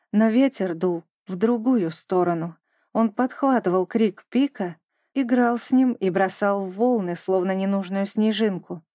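A woman narrating a children's story in a gentle, even storytelling manner. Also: mid-range voice, no room sound, studio quality.

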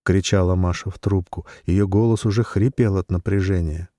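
A man narrating a story in a measured audiobook style. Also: deep voice, fairly even intonation, mellow, no echo, studio quality.

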